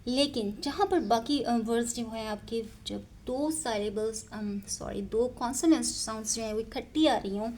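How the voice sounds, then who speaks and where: A woman English teacher explaining syllable rules, pausing often and spelling words out letter by letter. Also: fairly high pitch, a little mellow, a little hiss or hum. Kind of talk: explaining a lesson in Hindi-Urdu mixed with English.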